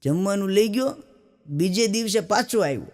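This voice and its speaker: High-voiced Saurashtra joke-teller. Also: male voice, expressive, normal speed, darkish tone. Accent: Saurashtra Gujarati. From Saurashtra, Gujarat. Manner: folksy storytelling with punchline asides. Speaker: stand-up comedian. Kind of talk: Gujarati stand-up jokes. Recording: long hall reverb.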